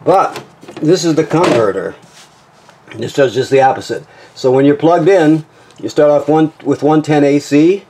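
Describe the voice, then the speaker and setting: A man's voice: a little high, normal speed, dark tone, a little hiss or hum. A man giving an informal, instructional product walkthrough, explaining features plainly and often checking that he is followed. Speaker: RV walkthrough technician. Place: in and around a travel trailer.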